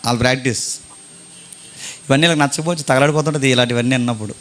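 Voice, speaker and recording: A man's voice: medium pitch, fairly bright tone. A middle-aged male preacher delivering a sermon, firing off rhetorical questions with sarcastic, mocking asides. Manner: emphatic, rapid rhetorical questions.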